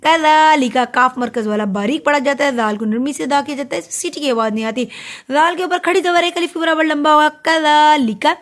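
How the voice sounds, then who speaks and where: A woman teaching Quran recitation rules, explaining each letter and drawing out the words slowly. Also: sits high. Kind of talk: tajweed lesson with recitation.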